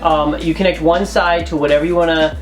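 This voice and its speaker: A man's voice: fairly high pitch, fairly even intonation, a little fast, soft background music. A man co-hosting a travel vlog, giving tips in a chatty, joking, emphatic way. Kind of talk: casual how-to chat.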